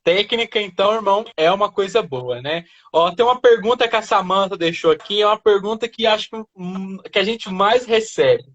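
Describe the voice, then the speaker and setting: Host reading a question, dull sound. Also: female voice, mid-range voice, fairly quick, hardly any pauses. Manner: reads viewers' questions, brief agreeing remarks. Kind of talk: casual online chat.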